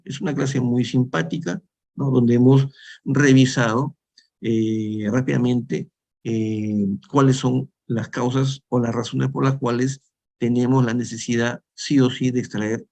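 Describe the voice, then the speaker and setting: A man in his fifties from Peru lectures on dentistry in a relaxed, conversational manner. His voice has a gravelly edge, and he keeps checking in with his listeners as he explains each point. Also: medium pitch. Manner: conversational, frequent tag questions, restarts. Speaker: dental lecturer. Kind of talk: lecture with slides.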